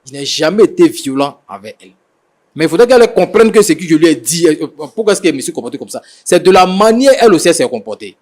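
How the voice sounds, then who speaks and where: Man, young adult, slightly high voice, fast talker, defensive, halting, repetitive. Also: lively intonation, a little mellow. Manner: defensive, halting, repeating himself. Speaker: husband being mediated. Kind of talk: defensive explanation on a mediation show.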